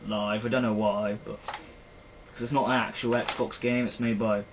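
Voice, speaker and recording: A young British vlogger, unhurried and level in tone, talks in a fairly low voice as he rambles through a casual film review full of fillers. The poor-quality recording has faint background noise.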